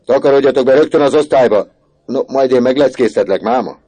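A man voicing a furious male schoolteacher in an audiobook, shouting and raging at pupils. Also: medium pitch, pitched above the performer's own voice, close to an everyday voice. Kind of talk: audiobook character reading.

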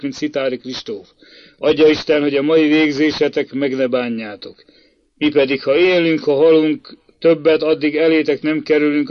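A man voicing a proud, defiant noble boy who speaks out boldly and loudly. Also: on the high side, dry recording, lightly acted. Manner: bold, loud, defiant. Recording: dull lo-fi dry recording.

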